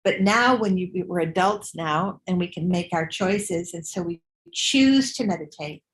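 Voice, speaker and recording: A woman's voice: lowish voice, rough recording. An older woman from the United States giving a chatty, informal Buddhist teaching in a meditation room, often repeating words as she thinks. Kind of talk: informal dharma talk to a group.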